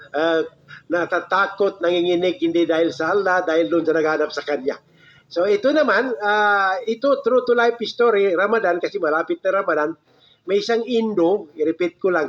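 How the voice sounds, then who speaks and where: A man preaching an Islamic lecture in a lively storytelling way, with his voice jumping up high at the punchlines. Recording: dull lo-fi recording.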